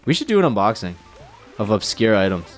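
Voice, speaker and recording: A man's voice: on the low side, very animated, a little fast, soft background music. A young man chatting casually while playing a video game, rambling through stories and jokes with a co-host. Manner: rambling storyteller, does silly voices. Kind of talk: casual let's-play chat.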